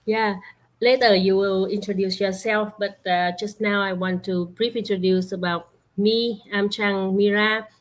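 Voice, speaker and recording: Slow halting woman host from vietnam on a video call, lots of ums. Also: medium pitch, fairly even intonation. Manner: slow, halting, many fillers. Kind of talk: online interview introduction.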